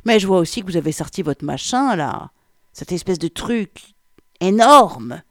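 A woman's voice: lowish voice, animated, unhurried, dry recording, studio quality. A woman reading aloud, voicing a brash young female municipal police officer with a strong Landes accent and a crude, bossy way of talking. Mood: mocking threatening. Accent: southwestern French (Landes).

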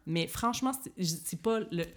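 A woman's voice: fairly low pitch, expressive, moderate pace. A woman from Quebec with a Québécois accent, chatting casually with plenty of fillers and restarts. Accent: Québécois French. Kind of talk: casual chat.

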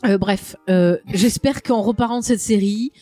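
A woman's voice: mid-range voice, normal speed, mellow, no room sound, soft background music. Chatty woman podcaster with an accent. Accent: regional French accent. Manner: chatty, teasing, hesitant fillers. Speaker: podcast co-host. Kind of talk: casual podcast chat. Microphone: headset.

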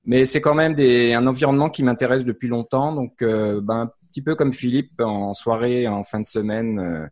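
Man with a softened Parisian French accent. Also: mid-range voice. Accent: Parisian French, softened after years in Canada. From France. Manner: relaxed, explanatory, with frequent "euh" pauses. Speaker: podcast co-host, guest. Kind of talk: casual podcast chat.

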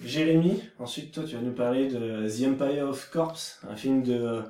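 A man's voice: medium pitch, moderate pace, mellow, echoey room, recorded from a distance. A man hosting a casual film panel, introducing the next speaker and teasing the others. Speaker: host.

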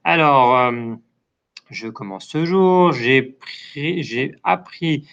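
A man's voice: medium pitch, lively intonation, extremely slow, fairly bright tone, clear, resonant tone, lo-fi sound. A French man running a live online chat as community manager, reading out viewers' comments and answering them in a friendly, casual way, with many hesitations and a dry throat.

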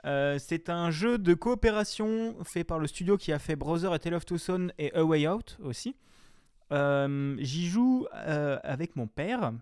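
A young man chats casually about a video game on a stream. His speech rambles, full of slang, swearing and fillers. His voice sits a little high, and the sound is dry and close. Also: animated, measured pace, darkish tone, clean tone, no echo. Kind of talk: casual chat.

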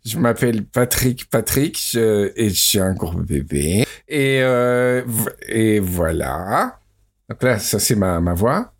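A man doing an impression of his co-host, lowering his voice into a gruff, rambling grumble. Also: animated, takes it slowly, heavily acted. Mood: dopey.

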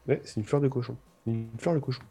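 Mellow-voiced young man musing on film music. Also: medium pitch, steady tone, fast talker, husky. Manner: rambling, hesitant analysis with jokey asides. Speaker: podcast co-host. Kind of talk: casual music chat.

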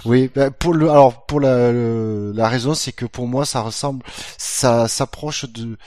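A man's voice: medium pitch, fairly even intonation, unhurried, a little mellow, no echo, studio quality. A man on a panel show, explaining his choices at length with fillers. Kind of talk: casual podcast discussion.

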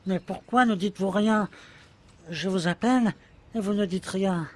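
A man's voice: sits high, normal speed. A man playing an adoring, anxious young lover in an amateur audio drama, talking tenderly and pressing for answers. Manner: tender, pleading, insistent. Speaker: voice actor.

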